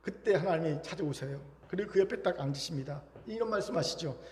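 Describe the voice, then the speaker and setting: A man's voice: a little high, expressive, quick pace, darkish tone. A male pastor preaching a Sunday sermon, telling a story with emphasis and rising feeling. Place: church sanctuary. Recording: echoey church hall reverb.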